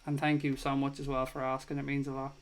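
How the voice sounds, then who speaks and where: A man's voice: medium pitch, monotone, quick pace. An Irish man in his thirties hosting a casual live football chat stream, reading viewer comments and swearing now and then. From Ireland. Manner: chatty, swears casually, thanks viewers warmly.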